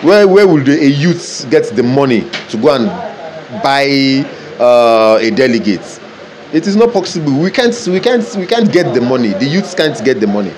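A man's voice: medium pitch, sing-song, moderate pace, crowd noise, poor audio. A young man with a Nigerian accent answering a street interview, often repeating words while he builds up his point. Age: young adult. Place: seated in a shaded area outdoors. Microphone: phone held close by interviewer.

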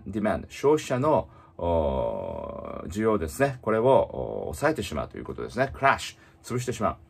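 A man teaching English in casual spoken style, reading slowly and explaining with many fillers. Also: deep voice, slightly rough.

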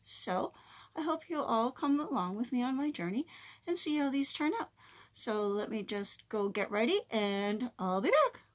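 A woman's voice: a little high, big pitch swings, normal speed. A woman talking through a face mask as she opens a casual nail art vlog, chatty and upbeat. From Canada. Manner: chatty, upbeat, says "groovy". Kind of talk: casual tutorial chat.

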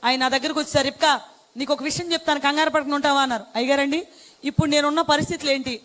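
Brief: very high-pitched, fast-talking woman, tearful dramatic testimony. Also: steady tone, a bit bright, big-room sound. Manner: tearful, dramatic retelling with quoted dialogue. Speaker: testimony speaker. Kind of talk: emotional personal testimony.

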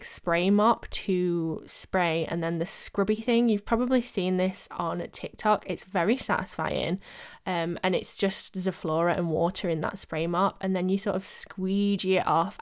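A woman's voice: lowish voice, smooth. A young woman narrating her home cleaning vlog in a casual, chatty voice-over, self-mocking and laughing often. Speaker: vlogger. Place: home studio, voice-over recorded separately.

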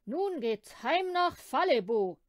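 A woman voicing a gruff farmer driving a horse sleigh in a children's storybook, calling out loudly. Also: sits high, big pitch swings, slow pace, no echo, studio quality, full character voice. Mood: urging.

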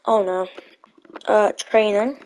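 A woman's voice: medium pitch, fairly even intonation, slow pace, darkish tone, rough recording. A woman giving casual, hesitant commentary on her own gameplay, thinking aloud with lots of ums. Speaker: gaming channel host.

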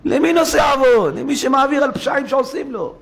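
In a synagogue study hall, a rabbi with a very high, creaky voice preaches a sermon. He plays out the complainers dramatically by voicing rhetorical questions.

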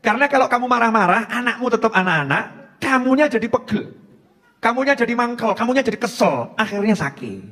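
High-voiced Javanese preacher in an echoing hall. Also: male voice, expressive, fast, sharp tone. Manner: humorous, mixing in Javanese phrases. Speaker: Islamic preacher. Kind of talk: religious advice talk.

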